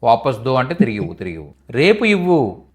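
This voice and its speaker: A man's voice: mid-range voice, huge pitch swings, fast talker. A man teaching in a live online language class, repeating each phrase patiently for students. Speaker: Hindi teacher.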